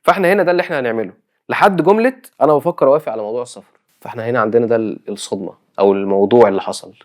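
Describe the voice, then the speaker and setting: Egyptian man, film tutor, talks very fast, methodical walk-through of a scene plan. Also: medium pitch, darkish tone. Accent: Egyptian Arabic. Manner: explains step by step, reading script lines aloud. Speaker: filmmaking instructor. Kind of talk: scripted tutorial explanation.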